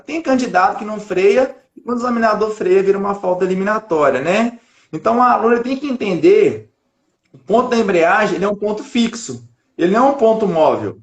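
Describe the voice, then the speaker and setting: A man's voice: high voice, lively intonation, fairly quick, echoey room. A man with a Brazilian Portuguese accent, a driving instructor patiently explaining things step by step in a casual live chat.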